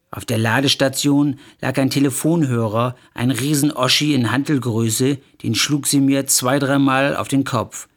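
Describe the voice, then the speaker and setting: A man reads a first-person memoir aloud for an audiobook, in an expressive storytelling voice. His voice sits at a middle pitch for a man. The telling is even and conversational between the quoted lines. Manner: expressive, acting out quoted dialogue. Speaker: audiobook narrator.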